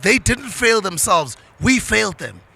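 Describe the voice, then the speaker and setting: A man's voice: sits high, very animated, unhurried, vocal fry, pushed and bright, slightly rough. A middle-aged South African man giving a passionate, preachy motivational talk to parents. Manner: passionate, preachy, switches into isiZulu. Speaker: motivational speaker. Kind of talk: motivational monologue.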